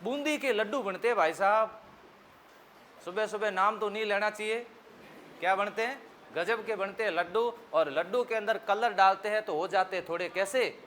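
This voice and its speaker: Bright-voiced Rajasthani man teaching a class. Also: high voice, moderate pace, a little hiss or hum. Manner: jokey, asks the class questions and answers them himself; mimics regional speech for laughs. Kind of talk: exam-prep memory-trick lesson.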